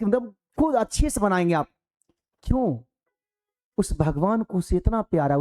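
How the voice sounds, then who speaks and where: A male teacher giving a lively classroom lecture, animated and preachy, full of rhetorical questions. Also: sits high.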